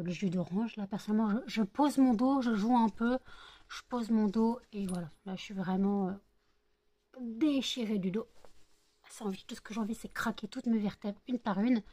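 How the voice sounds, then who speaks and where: A woman's voice: mid-range voice, warm tone. Tired, rambling woman vlogging. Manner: rambling, chatty, repeats herself. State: tired after a sleepless night. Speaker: vlogger making scented wax melts. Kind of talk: casual vlog chat.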